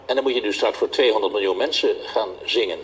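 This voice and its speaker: A man interviewing a young singer and narrating between segments, asking probing, teasing questions and often tagging his sentences with a quick "hè". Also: on the low side, a bit bright, low-quality recording. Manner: probing, teasing questions with frequent tag words. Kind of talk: warm interview and voice-over narration.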